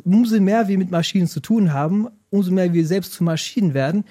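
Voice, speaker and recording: Middle-aged German-born male author, animated explainer, mellow voice, dry close sound. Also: high voice, a little fast, no echo. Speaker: guest. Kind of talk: conversational interview.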